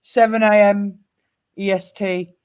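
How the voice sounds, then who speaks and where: As co-host of a laid-back football talk, a young man lists names and lineups from memory, confident in his choices. His voice is high-pitched and light for a man, with a level, darkish, clean tone. He speaks at a slow pace.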